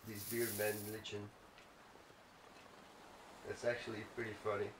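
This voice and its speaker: Recorded in a roomy space on a distant mic with faint noise, a man rambles casually through gameplay commentary as a let's play gamer. His lowish voice is level in tone and a little slow.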